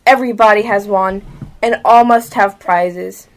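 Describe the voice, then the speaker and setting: A woman's voice: medium pitch, fairly even intonation, measured pace, lightly acted, poor audio. A female performer playing a bossy, ceremonious storybook creature in an amateur radio play. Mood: pondering, decisive.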